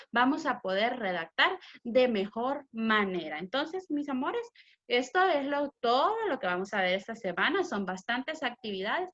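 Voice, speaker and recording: A woman's voice: fairly high pitch, fairly bright tone, lo-fi sound. A woman teacher giving a recorded grammar lesson for children, explaining patiently step by step with example sentences. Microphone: computer mic.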